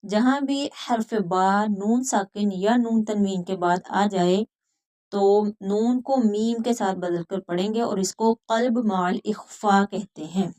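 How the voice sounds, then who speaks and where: Pakistani lady teaching quran reading, super slow, repeats every word patiently. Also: medium pitch, mellow. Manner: patient, repeats words slowly and stretches recited sounds. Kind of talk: slow step-by-step lesson.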